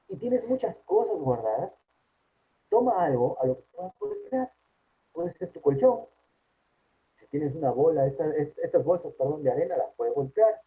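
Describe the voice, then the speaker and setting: A man with a Peruvian Spanish accent, a psychologist giving an informal workplace talk in a chatty way, often checking in with a quick question tag. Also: on the high side, slightly rough. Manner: conversational, frequent tag questions. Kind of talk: informal lecture. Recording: tinny phone-like line.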